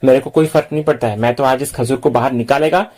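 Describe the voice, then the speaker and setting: A man's voice: mid-range voice, fast talker, a little mellow, close to an everyday voice. A man reading the lines of a brash young man who teases in street slang. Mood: mocking.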